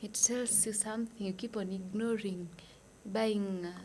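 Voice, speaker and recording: A Kenyan woman speaking as a podcast guest, a nurse and foundation founder. She talks in an earnest, measured way and often drops to a breathy near-whisper. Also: medium pitch, fairly even intonation, a loud crowd. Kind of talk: podcast interview.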